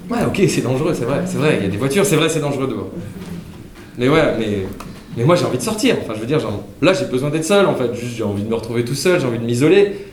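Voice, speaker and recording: A man's voice: medium pitch, lively intonation, fast. Rambling man telling a story on stage. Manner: rambling, self-correcting narration. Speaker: comedian and singer. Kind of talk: storytelling stand-up with songs. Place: theatre stage in front of an audience. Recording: roomy live stage with guitar music.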